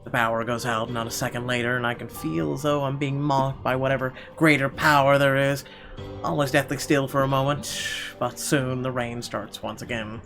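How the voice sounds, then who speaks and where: This let's player speaks at a normal speed as he voices a horror visual novel's first-person narration during play. The man's medium-pitched delivery is dramatic and expressive, backed by quiet music in the background.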